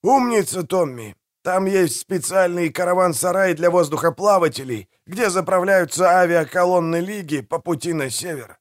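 A man's voice: sits high, normal speed, hardly any pauses, voice pushed up, close to an everyday voice. A man voicing a greedy, gloating male pirate mayor who barks orders, in a storybook reading. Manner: loud, barking orders.

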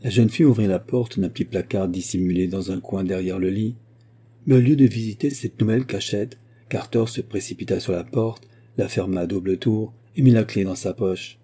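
A man narrating a classic novel as an audiobook reader, in a steady, measured reading voice. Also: on the low side, slightly rough. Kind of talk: scripted narration.

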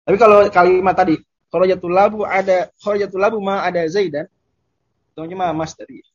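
Husky-voiced man teaching Arabic grammar. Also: high-pitched, steady tone, muffled recording. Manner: explains casually, repeats Arabic phrases slowly, laughs at examples. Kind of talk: online Arabic grammar lesson.

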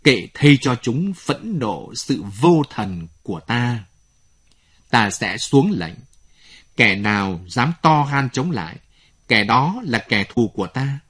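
Man doing a proud pharaoh, low and defiant, slow, husky. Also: sing-song, a bit bright, heavily acted.

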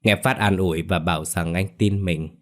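Brief: male storyteller, deep voice, steady scripted narration. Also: moderate pace.

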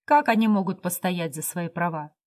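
A woman's voice: mid-range voice, lively intonation, moderate pace, close to an everyday voice. An earnest workman lectures sternly about right and wrong, as a woman narrator reads his lines. He is preachy and firm. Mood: lecturing.

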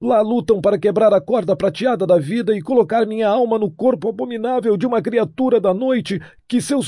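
A high wailing dying king. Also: dark tone, no echo, studio quality. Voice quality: high strained wail. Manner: desperate, urgent, imperious. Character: dying young king, tormented, pleading and commanding. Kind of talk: audiobook character voice.

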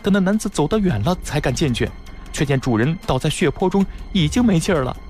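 A man voicing a frightened male servant, pleading his innocence in a higher, strained voice. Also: lively intonation, fairly quick, darkish tone, soft background music, natural voice. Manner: pleading, frantic, humble.

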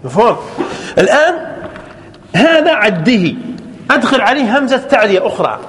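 A man's voice: very high-pitched, big pitch swings, moderate pace, a bit bright, big-room sound, slight background noise. A man teaching a grammar lesson, repeating words, correcting himself and checking often that his listeners understand.

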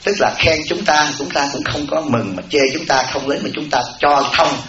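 A male Buddhist monk who is abbot of a temple gives a folksy dharma talk, acting out everyday voices and often asking "right?". His voice is a little high and his pace moderate, heard over music in an echoey, lo-fi hall recording with an audience.

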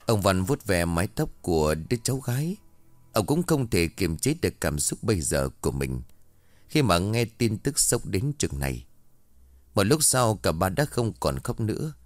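A man narrates a ghost story and voices every character himself. His voice sits very low, yet it swings widely in pitch as he tells it. The recording is dry, with almost no room sound. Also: very animated, normal speed, no room sound.

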